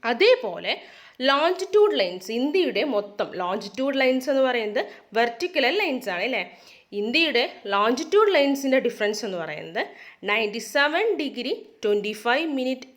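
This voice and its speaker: A woman teacher, her voice pitched a little high and moving up and down a lot. She talks through a lesson and keeps dropping in English terms. She poses questions and then answers them herself. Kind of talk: classroom lesson explanation.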